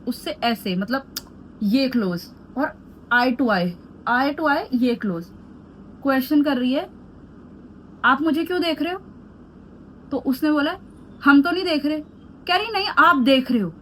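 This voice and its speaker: A young beauty vlogger with a light, high voice chats animatedly through a storytime vlog while doing her skincare. She switches easily between Hindi and English. Faint room hum can be heard in the background.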